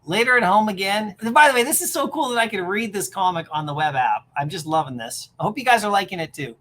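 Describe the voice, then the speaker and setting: A woman's voice: mid-range voice, animated, fast, fairly bright tone. A woman hosting a livestream, reading a comic aloud and making chatty asides to viewers. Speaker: livestream host. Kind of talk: casual comic read-aloud.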